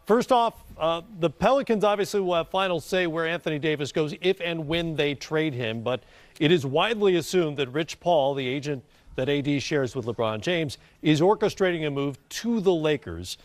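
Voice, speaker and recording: A man anchoring a sports news segment in a measured, newsy way, asking long questions. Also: on the high side, expressive, no echo. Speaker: studio anchor.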